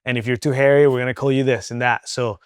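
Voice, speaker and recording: A man's voice: mid-range voice, steady tone, quick pace, clear, resonant tone, no echo, clean studio sound. A young man from Venezuela with no accent, talking candidly as an interview guest, chatty and full of fillers. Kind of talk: casual interview talk.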